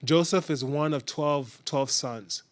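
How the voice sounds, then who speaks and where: A man's voice: fairly high pitch, takes it slowly. A young man giving a sermon as a casual, conversational story, with frequent hesitations. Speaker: preacher.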